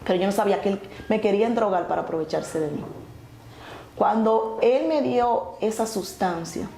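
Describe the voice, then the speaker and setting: A woman telling her testimony earnestly, halting and restarting often. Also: mid-range voice, vocal fry, mellow. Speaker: guest sharing her testimony. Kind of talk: emotional personal testimony. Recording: echoey room with faint noise.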